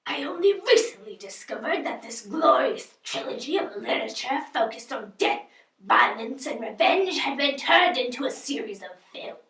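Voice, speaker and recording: Miss Havisham-style misery: a scornful old woman who hisses and whispers her contempt, as voiced by a woman. Her voice is bright and cutting. The echoey room and the distance from the mic make it sound like a school-stage sketch. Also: high voice, animated, normal speed. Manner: theatrical, scornful. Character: bitter old jilted spinster woman, gloomy and cruel.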